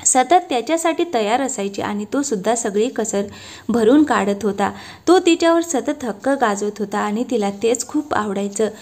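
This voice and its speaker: A woman narrating a romantic story in a soft, steady storytelling manner. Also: a little high, normal speed.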